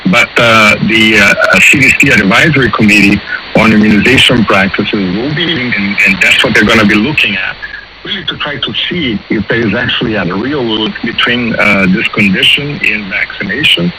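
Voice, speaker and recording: A man's voice: on the low side, moderate pace, a loud crowd. A man explaining as an expert guest in a radio interview, hesitant and searching for words. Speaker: virology professor, interview guest. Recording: very noisy radio feed.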